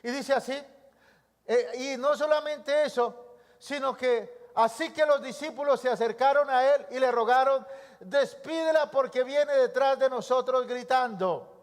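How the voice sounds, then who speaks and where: High-voiced pastor in an echoing church. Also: male voice, unhurried. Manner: asks rhetorical questions and answers them himself. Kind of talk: sermon. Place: church sanctuary. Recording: long church-hall reverb.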